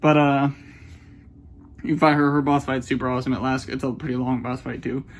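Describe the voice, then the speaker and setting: A man's voice: medium pitch, level tone, a little fast. A man in his twenties giving a casual, rambling game review, swearing often and apologizing when he loses his train of thought. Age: 20s. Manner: rambling, profane, self-conscious.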